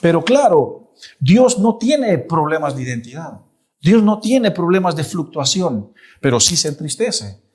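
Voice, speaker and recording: A man teaching the Bible in a sermon style, emphatic and repetitive. He keeps checking in with the listeners, and his voice sits a little high for a man. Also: very animated, a little slow, a little mellow, slightly rough.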